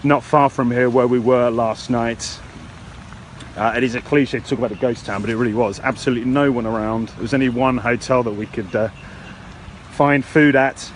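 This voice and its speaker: Male field reporter, mid-pitched, earnest and halting, live storm report outdoors with wind and rain noise. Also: steady tone. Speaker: TV or online news reporter. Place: outdoors near a hotel in a storm. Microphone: phone held by the speaker. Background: storm ambience.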